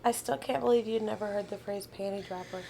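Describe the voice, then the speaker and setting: A woman's voice: mid-range voice, fairly even intonation, fast talker, creaky, crowd noise. A woman from Memphis, co-hosting a podcast in blunt, teasing casual chat, swearing freely. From Memphis, Tennessee, US. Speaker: podcast co-host.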